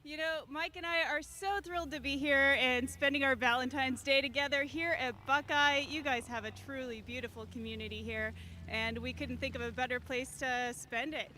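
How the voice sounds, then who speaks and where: A woman's voice: sits high, steady tone, moderate pace, bright, forceful tone, low-quality recording. A woman guest performer giving an upbeat, gracious live interview at an outdoor event. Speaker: wing walker, guest performer. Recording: clear background noise, outdoor air show.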